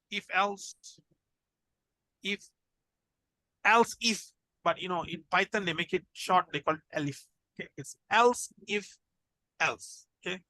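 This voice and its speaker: Bright-voiced Malaysian man teaching in colloquial slang. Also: high-pitched, no echo, rough recording. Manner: colloquial Malaysian English with 'lah' particles. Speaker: programming instructor. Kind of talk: informal lesson.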